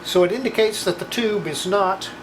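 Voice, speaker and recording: An older radio restorer presents his own repair work in a small, cluttered indoor electronics workshop, narrating casually and folksily and often muttering to himself. His medium-pitched voice moves at a moderate pace. The room is echoey and the background noisy.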